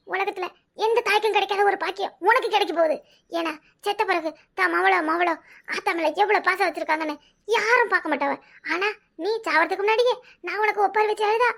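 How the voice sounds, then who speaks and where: A performer doing a sly plotting village daughter, Kanyakumari Tamil accent, shrill bright voice, wheedling, cartoon. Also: gravelly, exaggerated voice. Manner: wheedling, mock-innocent questioning. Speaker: cartoon character. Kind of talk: comic cartoon voice acting.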